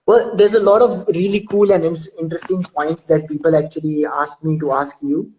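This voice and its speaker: Interviewing an old school friend over a casual video call, this young man speaks in a slightly high, darkish voice, steady and fairly quick. He laughs a lot and hesitates, tripping over repeated words in his questions, and the recording is low quality.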